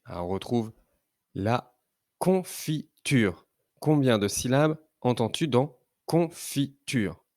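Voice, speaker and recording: A man teaching young children to read, sounding out syllables slowly and carefully. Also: mid-range voice, expressive, darkish tone, dry recording, studio quality. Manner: slow, careful, drawn-out syllables. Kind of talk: slow reading lesson for young children.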